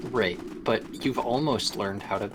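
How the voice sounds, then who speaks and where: A man's voice: lowish voice, unhurried, noisy background. A man chatting casually and playfully as he comments on a game being played. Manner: playful, bantering. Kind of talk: casual gameplay chat.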